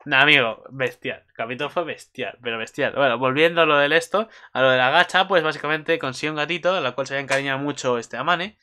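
Young man, excitable anime recapper, crisp and bright, squeals often. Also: quick pace, hardly any pauses. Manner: gushing, bursts into high squeals and shouts. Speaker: anime commentator.

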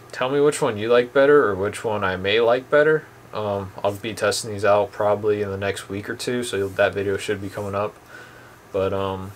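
A man's voice: lowish voice, a little hiss or hum. A young man casually showing off two boat anchors at home, talking plainly with lots of ums. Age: young adult. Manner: relaxed, plain-spoken, many ums. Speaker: channel host reviewing boat anchors. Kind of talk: casual product demo. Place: dim indoor room at home.

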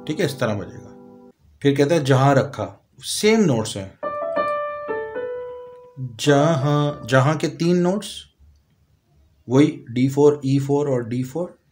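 A man with a Pakistani Urdu accent, calmly explaining a piano lesson step by step, sometimes singing short lyric lines slowly. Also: mid-range voice. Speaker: music teacher. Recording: piano playing behind voice.

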